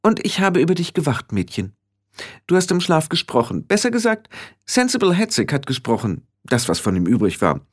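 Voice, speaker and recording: Stern old witch, sharp and commanding, high and lively, read by a man in an audiobook. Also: brisk. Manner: firm, clipped commands. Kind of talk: audiobook reading.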